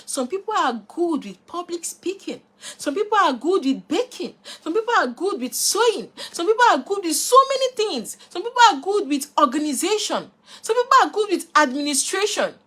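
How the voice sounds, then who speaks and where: This replay of a live online session features a woman motivational speaker whose very high-pitched, slightly bright voice swings widely in pitch at a moderate pace. She drives her emphatic talk with repeated rhetorical questions for her listeners.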